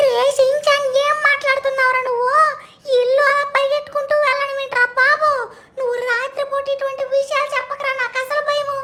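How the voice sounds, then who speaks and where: A woman's voice: very high voice, level tone, fast talker, pushed and bright, pitched above the performer's own voice. A woman voicing a timid male robot cat who whines and pleads in fear in a cartoon fan dub. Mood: scared. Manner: fearful, whiny pleading.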